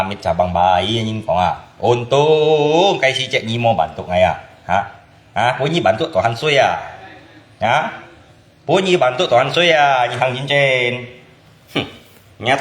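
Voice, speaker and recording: A man's voice: fairly high pitch, a bit bright. A man from Indonesia chatting casually as a channel host, often asking back with short questions. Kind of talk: casual chat. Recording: roomy echo.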